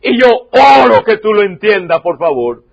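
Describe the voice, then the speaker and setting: A man preaching a sermon as pastor, emphatic, repeating key lines and swinging from loud to quiet. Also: high voice, sing-song, unhurried, gravelly, husky, muffled recording. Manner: emphatic preaching, repeats key phrases, varies loudness sharply.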